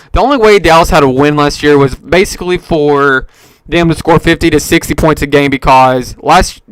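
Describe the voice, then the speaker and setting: A man with a highish, somewhat bright, clean voice and no room sound hosts a casual solo sports podcast. He rambles with plenty of fillers and self-corrections, and he has hiccups.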